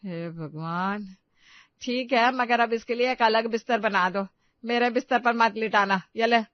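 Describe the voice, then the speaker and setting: A woman's voice: a little high, a little slow, dry recording, lightly acted. A woman voicing a bossy, superstitious older mother-in-law who scolds and grumbles, in a dull, dry, lo-fi recording. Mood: exasperated.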